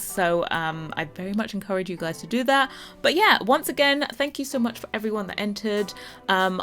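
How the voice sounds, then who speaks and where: A woman talking casually and off the cuff to her viewers as a gaming video host, enthusiastic and encouraging. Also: fairly low pitch. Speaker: video game streamer hosting a build challenge. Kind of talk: casual unscripted chat to viewers. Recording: music behind the voice. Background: music.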